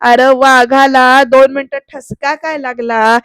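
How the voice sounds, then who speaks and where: A woman's voice: high-pitched, steady tone, unhurried, fairly bright tone, smooth, no room sound, studio quality. A woman voicing a scheming younger brother in a serial recap, coaxing and whiny. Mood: pleading. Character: scheming middle-aged male schemer, pleading brother.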